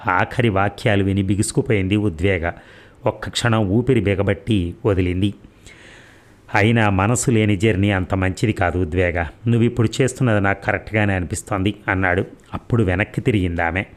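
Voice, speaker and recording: A man narrating a serial audio story, reading the lines of every character in one steady voice. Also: on the low side, a little fast. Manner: reads dialogue of all characters in one steady voice.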